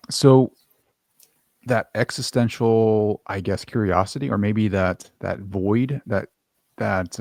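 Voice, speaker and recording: A man hosts the conversation, and his fairly low voice has a gravelly, fry-laden edge. The sound is dry and close, and he asks searching questions. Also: a little mellow, no echo. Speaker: podcast host. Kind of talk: interview conversation.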